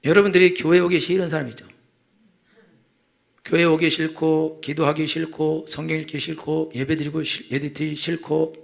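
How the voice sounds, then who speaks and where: A man's voice: a little high, flat delivery, normal speed, gravelly. A middle-aged male pastor giving a Sunday sermon in a chatty, teasing way, acting out quoted voices for the congregation.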